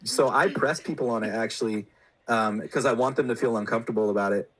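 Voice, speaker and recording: A man's voice: medium pitch, quick pace, rough recording. A man hosting a podcast, talking casually with loose slang and lots of fillers. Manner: laid-back, slangy, many fillers. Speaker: podcast host. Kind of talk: casual chat.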